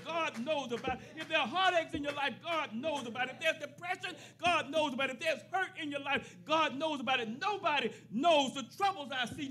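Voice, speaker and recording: An older man, a pastor, preaches a sermon from a church pulpit into a stand microphone. His voice is very high-pitched, pushed and bright, and he builds into a rising, repeated cadence.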